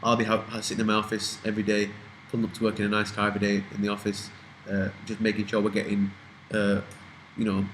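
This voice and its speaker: Low-ish and monotone, this twenty-something British man talks quickly with few pauses, his voice a bit bright. The rough recording carries light hiss or hum as he rambles casually through viewer questions, cursing freely.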